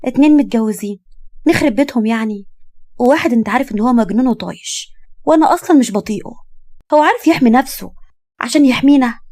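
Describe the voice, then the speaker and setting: A woman voicing a bold, teasing young woman in her twenties, with an Egyptian accent and quick comebacks. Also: a little high, animated, a little mellow, no room sound, studio quality, pitched above the performer's own voice. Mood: cheeky.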